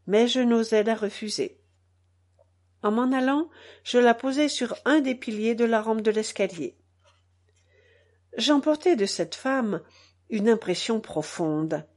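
A woman reading a novel aloud as an audiobook narrator, in measured, even storytelling. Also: a little high. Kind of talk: scripted narration.

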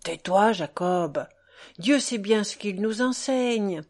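A woman voicing a gentle, pious old grandmother with a sing-song, soothing way of talking. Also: medium pitch, expressive, takes it slowly.

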